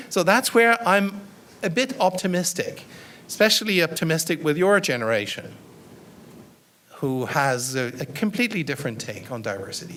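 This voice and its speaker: A man's voice: fairly high pitch, fairly bright tone, slight background noise. A middle-aged man answering a student's question after a lecture, thoughtful and hesitant, with fillers and restarts. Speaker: guest lecturer. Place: lecture room.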